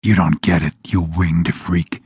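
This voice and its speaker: A man voicing a cruel, savage male demon who hisses and taunts slowly. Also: low voice, steady tone, breathy edge, no room sound, dull audio, pitched below the performer's own voice, full character voice. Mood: defiant. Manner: hissing, slow and taunting.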